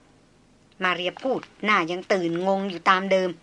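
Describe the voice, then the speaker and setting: A woman narrating an audiobook in an expressive storytelling manner. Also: lowish voice, brisk.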